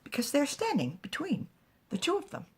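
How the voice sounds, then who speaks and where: A woman voicing a tired male mage who insists calmly and firmly that he is not to blame. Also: sits high, moderate pace, voice pushed up. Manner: tired, insistent, quietly firm. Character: weary, restrained male forest mage.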